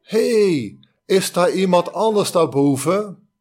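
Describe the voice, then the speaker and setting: A man voicing a desperate man hanging from a cliff, shouting and pleading for help. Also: sits high, lively intonation, slow, voice pushed up.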